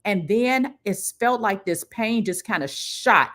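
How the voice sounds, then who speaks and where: A middle-aged woman who hosts her own livestream and works as a career coach tells a personal story in a relaxed way. Her voice sits in the mid range and she takes her time, acting out what people said like a lively storyteller.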